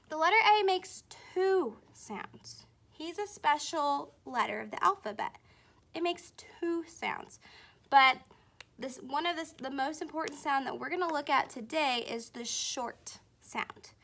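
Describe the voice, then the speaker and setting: A woman with a high-pitched, fairly bright voice teaches a phonics lesson for children. She speaks slowly and encouragingly, putting questions directly to the young learners.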